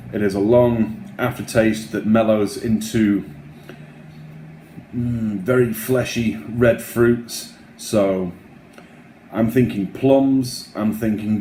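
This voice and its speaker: Mellow-voiced man in a roomy, echoey space. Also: fairly low pitch. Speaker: wine tasting host. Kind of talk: casual wine tasting commentary. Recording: roomy echo, faint background noise.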